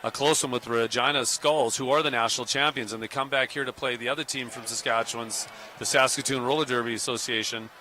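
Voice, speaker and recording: A man's voice: mid-range voice, fairly even intonation, quick pace, sharp tone. A man doing play-by-play of a roller derby bout from a parked truck at the venue, easygoing and conversational. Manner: easygoing, with small restarts. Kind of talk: live sports play-by-play.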